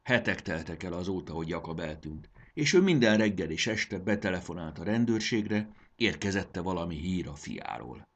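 A man's voice: sits low, very animated, hardly any pauses. A man narrating a children's storybook expressively, voicing the characters.

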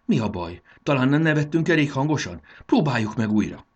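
A man's voice: medium pitch, very animated, breathy edge, highs cut off, pitched above the performer's own voice. A man reading a storybook aloud and voicing a feisty little fairy girl who is pert and sulky. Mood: curious.

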